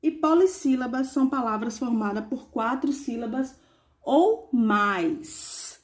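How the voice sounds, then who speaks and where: A woman teacher reviewing a lesson for young pupils, saying examples slowly and asking rhetorical questions. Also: on the high side. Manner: slow, clearly spelled-out examples with rhetorical questions.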